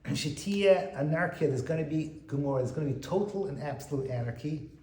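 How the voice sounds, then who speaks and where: A man giving an animated Torah lecture as a rabbi, quoting Hebrew texts and translating them. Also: a little high, a little fast, reverberant, low-quality recording. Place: private home.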